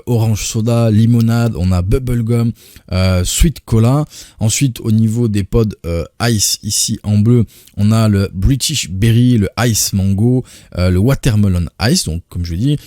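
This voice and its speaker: A man's voice: on the low side, mellow, dry recording, clean studio sound. A man from France casually explaining products on his channel, with many hesitations and fillers. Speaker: product presenter.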